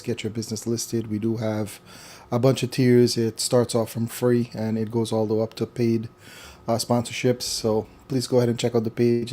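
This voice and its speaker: A man hosting a casual live online talk show over a video call, chatty and relaxed, with frequent fillers. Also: medium pitch. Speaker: host.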